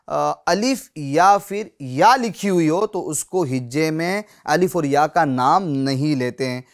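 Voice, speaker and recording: Patient man teaching Quran reading. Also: fairly high pitch. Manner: patient, repeats each example slowly; addresses viewers directly, asks them to repeat along. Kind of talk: spoken lesson.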